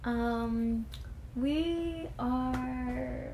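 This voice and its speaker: A woman's voice: high-pitched, drawn-out words, mellow, a little hiss or hum. A teenage girl co-hosting a casual podcast with her boyfriend, giggling often and talking a little awkwardly. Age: teens. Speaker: podcast co-host.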